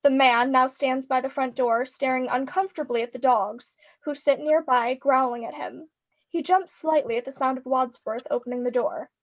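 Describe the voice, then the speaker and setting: A woman reading the stage directions aloud in a live script reading over a video call, in a steady descriptive manner. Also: sits high, moderate pace, muffled recording.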